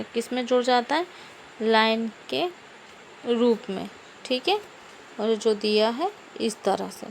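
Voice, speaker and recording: A woman teacher speaks slowly and patiently, in a fairly high voice. She spells words out, repeats them and keeps checking with her pupils. Faint noise sits behind her. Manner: slow, repeats words and asks the class questions. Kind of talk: grammar lesson for schoolchildren.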